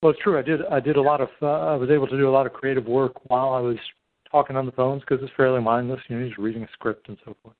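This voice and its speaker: Here a middle-aged podcast host talks in a mid-range voice with a steady tone and no room sound. Speaking on a three-way telephone call, he's casual yet halting, hesitant and long-winded, all through a thin, tinny phone line.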